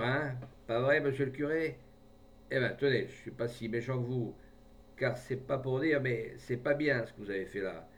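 A man plays a gruff, half-peasant older man, speaking in a loud, rustic, blustering way with light acting. The recording is distant, with a faint rumble in the background.

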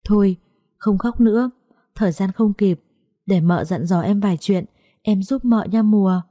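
A woman's voice: medium pitch, moderate pace, mellow, no echo, clean studio sound, lightly acted. Woman voicing a weeping ghost mother. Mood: grieving, tearful. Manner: choked, sobbing pleas. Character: tearful young mother's ghost, speaking through a medium.

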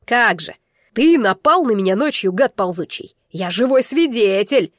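A woman voicing a spiteful young bull-man who shouts and sneers. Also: fairly high pitch, animated, slow pace, no room sound, clean studio sound. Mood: angry.

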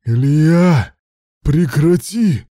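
A pleading adult man in a spoken story, his lines full of strained outbursts, as a male narrator reads him. The voice sits low, with a dark, mellow tone and a dry, close sound. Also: steady tone, a little fast, husky, no room sound.

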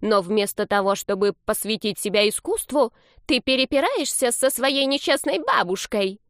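A woman voicing a fussy, half-deaf old grandmother in an audiobook, scolding with shrill, drawn-out words. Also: animated, a bit bright, no room sound, clean studio sound. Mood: indignant. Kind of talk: audiobook character voice.

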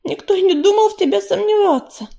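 A woman's voice: sits high, unhurried, mellow. Woman voicing a purring unruffled she-cat. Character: calm composed female cat, leader's mate.

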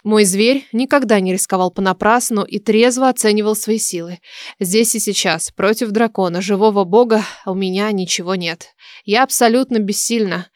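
A woman reads a first-person fantasy audiobook with lively, expressive storytelling. Her voice sits at a middle pitch and sounds dry and close, with no room echo. She carries the tale with feeling from line to line. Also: normal speed. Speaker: audiobook narrator.

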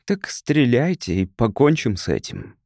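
A man's voice: mid-range voice, wildly swooping pitch, unhurried, creaky, darkish tone, no room sound, clean studio sound, exaggerated voice. A man voicing a weary, defiant Martian who refuses to go to war, in a storybook reading.

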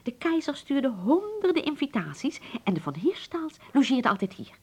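In a Dutch radio drama, an actress voices a genteel, middle-aged hotel proprietress lost in fond nostalgia. Her high, sing-song delivery is formal and punctuated by stately, dramatic pauses.

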